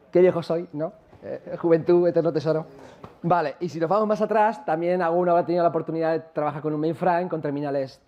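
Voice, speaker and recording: A conference speaker from La Mancha, with a Castilian accent and a slightly high, warm voice, gives a conversational live tech talk. He poses questions to the audience and uses plenty of tag questions, though the recording sounds muffled.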